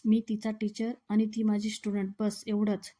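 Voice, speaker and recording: Stubborn young man playing trainer to his wife, read by a woman; even-pitched, warm-dark voice. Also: moderate pace, close to an everyday voice. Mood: lecturing. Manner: stubborn, lecturing. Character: strict young husband acting as fitness trainer.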